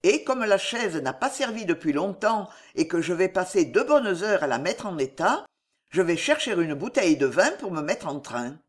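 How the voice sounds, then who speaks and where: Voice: mid-range voice, very animated, normal speed. A reader voicing a brash, chatty young male servant in an audiobook. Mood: boastful. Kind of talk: audiobook character reading.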